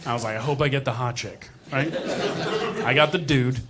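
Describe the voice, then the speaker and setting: In this noisy live comedy recording, a man with a medium-pitched voice speaks fairly quickly, spinning conversational, self-deprecating stories for the crowd and playing out the dialogue. The audience laughs throughout.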